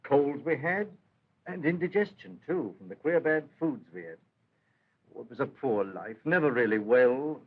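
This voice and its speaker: An actor playing a gentle, elderly great-grandfather who mildly recalls the old days to a child, in 1930s film acting. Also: medium pitch, animated, moderate pace, close to an everyday voice. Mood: reminiscing. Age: older. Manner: mild, reminiscing storytelling. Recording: dull lo-fi 1930s film soundtrack.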